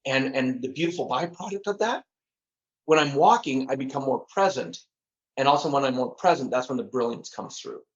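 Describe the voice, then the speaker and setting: This middle-aged guest talks a little fast in a medium-pitched voice during a casual podcast interview, earnest yet quick to laugh at himself and prone to repeating words, with dull audio throughout.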